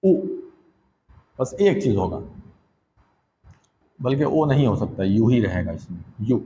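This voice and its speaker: A man's voice: fairly low pitch, lively intonation, slow, warm tone, big-room sound, slight background noise, rough recording. A man teaching Quran reading step by step, stretching out each syllable in drills and then explaining them in plain everyday speech. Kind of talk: step-by-step recitation lesson. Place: classroom or room with a board.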